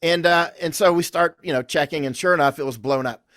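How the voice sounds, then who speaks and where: Higher-voiced man telling long anecdotes. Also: a little fast, a bit bright, dry recording, clean studio sound. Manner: rambling, anecdotal, restarts sentences; emphatic, confident declarations. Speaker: podcast guest. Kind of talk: conversational interview storytelling.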